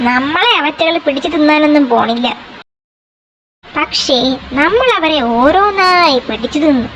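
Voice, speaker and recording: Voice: high voice, measured pace, a bit bright, muffled recording, slight background noise. A performer voicing a scheming, hungry male fox in a cartoon story, talking in a sly, coaxing way.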